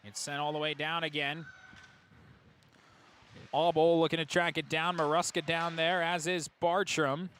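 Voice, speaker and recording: A man calling a girls' high school hockey game as play-by-play announcer on radio, with rapid calls that jump to excited shouts on big plays. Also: slight background noise. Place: ice arena broadcast booth.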